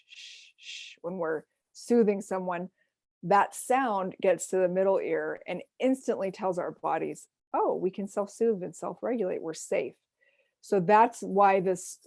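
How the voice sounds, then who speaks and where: A woman presenting an online self-care workshop, explaining grounding techniques gently with frequent fillers, heard over a video call. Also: lowish voice, creaky, no room sound, clean studio sound.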